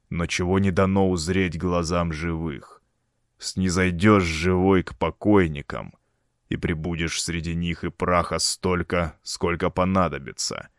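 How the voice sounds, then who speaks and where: A man voicing a huge grey grave-worm lord who pronounces judgment slowly, in a solemn and menacing manner. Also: low voice, no echo, studio quality. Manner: slow, solemn, dread-filled pronouncement.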